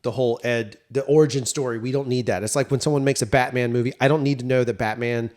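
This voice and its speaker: A man's voice: mid-range voice, steady tone, fast talker, a little mellow. A man co-hosting a podcast, chatting casually with playful, joking banter. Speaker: podcast co-host.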